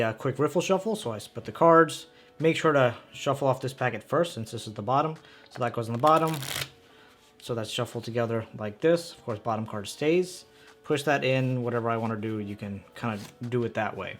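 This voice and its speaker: A man presenting a magic tutorial in casual, upbeat card magician patter, speaking straight to the viewer. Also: mid-range voice.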